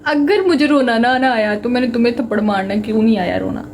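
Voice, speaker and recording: A woman's voice: fairly high pitch, fast, a little mellow, a little hiss or hum. A young woman with a Punjabi accent, chatting and joking with viewers on a casual livestream. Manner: chatty, joking and self-mocking, mixing Punjabi into Hindi. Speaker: livestream host.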